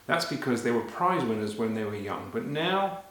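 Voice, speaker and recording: A man performing a story live for children, animated and talking to them directly, halting and repeating phrases as he goes. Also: medium pitch. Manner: animated, addressing children with questions. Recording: very echoey, reverberant room.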